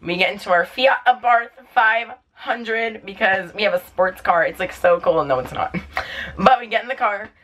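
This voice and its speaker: A man's voice: high-pitched, normal speed, bright, forceful tone. A young man tells a casual storytime vlog, rambling and leaning on lots of "like" fillers. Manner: rambling, heavy use of "like" fillers. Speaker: vlogger.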